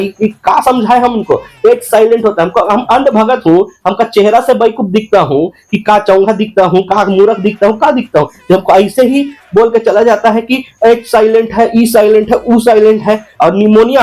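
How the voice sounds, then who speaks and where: A man's voice: high voice, fairly quick, few pauses, darkish tone, voice pushed up, close to an everyday voice. A man playing an ignorant, boastful political devotee in a satirical comic monologue, speaking rustic broken with an indignant, mocking manner.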